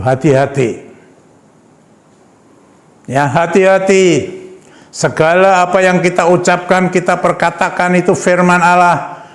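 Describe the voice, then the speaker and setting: A man preaching a sermon in a church hall. He reads scripture aloud, then comments on it emphatically, calling on the congregation as "brothers and sisters" and asking them rhetorical questions. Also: fairly high pitch. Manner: addresses the congregation as "Saudara" and asks rhetorical questions.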